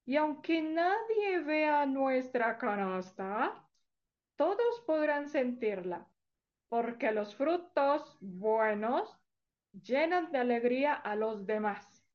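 A woman's voice: sits high, big pitch swings, takes it slowly. A woman telling a story to children, exclaiming with delight along the way. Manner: warm, exclaiming often with sighs of delight. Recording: dull lo-fi recording.

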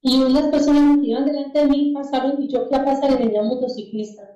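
A woman's voice: sits high, steady tone, fast, dark tone, roomy sound, far from the mic, lo-fi sound. A Colombian woman with a Colombian Spanish accent, telling a personal faith testimony in a casual, rambling way with prayerful asides. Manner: storytelling, with frequent restarts and prayerful asides.

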